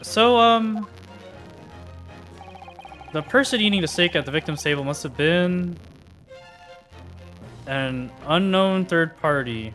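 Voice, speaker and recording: A woman's voice: lowish voice, lively intonation, slow, long pauses, fairly bright tone, soft background music. A woman playing a stammering young lawyer. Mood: unsure. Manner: hesitant, stammering. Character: nervous young male defense lawyer. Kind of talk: amateur game voice-over.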